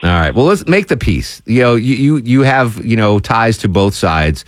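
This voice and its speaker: A man's voice: lowish voice, sing-song, normal speed, no echo, clean studio sound. A man hosting a radio talk show, interviewing a guest in a playful, promotional way.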